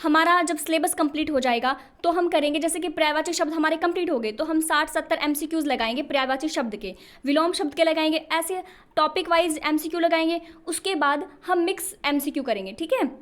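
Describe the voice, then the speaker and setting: A woman's voice: high voice, fairly bright tone. A woman teaching an exam-prep Hindi lesson, explaining patiently and often checking in with the students.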